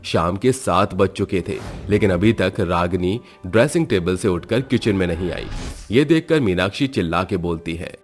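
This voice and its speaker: A man narrating a storybook cartoon in a steady, scripted way. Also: sits low, normal speed, faint music behind.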